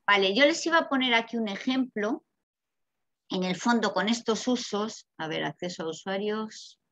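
A woman from Spain with a Peninsular Spanish accent giving a lively, chatty seminar lecture and asking the audience questions. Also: medium pitch, moderate pace, no echo. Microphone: video call. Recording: dull, dry video call audio.

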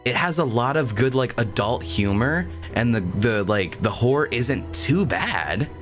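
A young streamer talks casually over his gameplay in an animated, fairly bright mid-range voice at a measured pace, rambling through stories with some swearing. Game music can be heard behind him.

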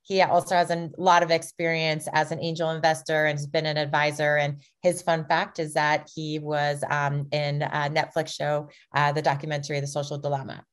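Breezy low-voiced woman investor. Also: flat delivery, moderate pace, few pauses. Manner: breezy and self-deprecating, with many fillers. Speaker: venture capitalist, fund founder. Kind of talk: presentation on a video call. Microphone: video call.

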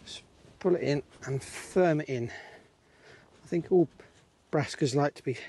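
A man's voice: a little high, measured pace, mellow, slightly rough. A middle-aged man talking casually as he works on his allotment, chatting and laughing to himself while digging and planting outdoors. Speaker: allotment gardening vlogger. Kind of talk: casual talk while working. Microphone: camera mic, sometimes far from the camera.

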